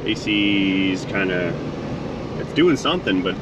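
A man's voice: low voice, animated, measured pace. A man narrating casually to himself as he test-drives and tunes an old car, with chatty, joking asides. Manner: chatty, self-talking, jokey asides. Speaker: mechanic, channel host. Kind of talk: casual narration while driving and working. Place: in a car and a repair shop. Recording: distant mic, loud engine and road noise.

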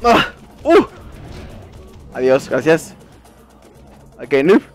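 A young Mexican man talks through a video game run with a lively, fairly high voice that jumps around a lot. He curses and yells at the controls. Faint game music plays behind him. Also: extremely slow. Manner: swears and shouts in frustration at the game. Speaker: gameplay streamer. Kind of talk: casual gameplay commentary.

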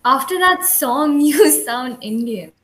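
A woman's voice: high voice, lively intonation, slow pace, fairly bright tone. A young woman chatting with a stranger on a webcam video call, giggly and full of compliments. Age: young adult. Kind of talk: casual video chat.

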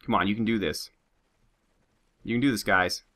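Lowish in pitch and at normal speed, this man provides jokey gameplay commentary as a let's play host. He's slightly sick, with a touch of nasal sound and a sore throat. His manner is animated and humorous as he speaks to his troops and his audience.

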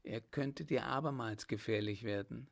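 A man voicing an anxious, devoted young woman who speaks softly and pleadingly. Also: mid-range voice, normal speed, creaky, lightly acted.

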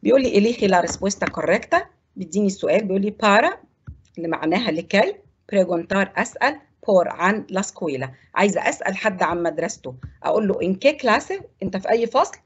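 A woman with an Egyptian Arabic accent teaches a televised Spanish class. Her voice is slightly husky, and she walks through the rules step by step, repeating words slowly. The broadcast sound is dull and lo-fi. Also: medium pitch, animated.

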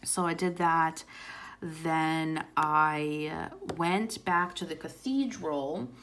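A woman's voice: sits low, slow pace, a bit bright, slight background noise. A young woman in her twenties, telling a trip story in a chatty, casual way full of "like" and "um", coloring as she talks. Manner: chatty, lots of "like" and "um". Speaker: coloring channel host. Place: indoors at home, coloring while talking.

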